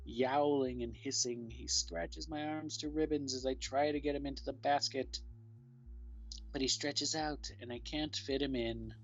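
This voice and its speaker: A man's voice: medium pitch, fairly even intonation, measured pace. A man streaming a game, reading its story text aloud and cooing at the cats on screen. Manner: coos and talks baby-talk to the cats. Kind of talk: reading a visual novel aloud with banter. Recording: dull lo-fi with faint music.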